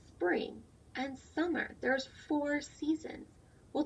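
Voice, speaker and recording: Reading a picture book to young children, a woman teacher keeps her explanations simple and asks her listeners questions. Her voice is high and creaky with a darkish, slightly rough tone, captured in dull, lo-fi sound far from the microphone.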